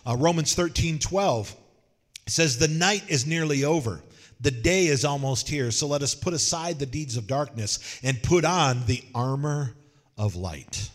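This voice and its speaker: A man preaching a sermon in a folksy, joking way, telling animated stories. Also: medium pitch, long reverb tail. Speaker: pastor.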